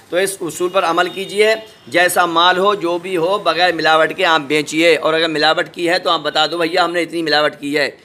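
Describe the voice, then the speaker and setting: A man teaching an online Urdu lesson. He tells religious stories at a quick clip, then drills syllables and words slowly. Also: fairly high pitch, bright, forceful tone.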